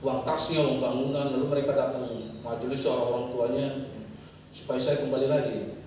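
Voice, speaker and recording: A man's voice: mid-range voice, little pitch movement, fairly quick, a little mellow, a little hiss or hum. A middle-aged pastor from Indonesia preaching a sermon in a conversational way, telling stories from his ministry with rising, emphatic passages. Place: church hall. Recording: echoey church hall from far off.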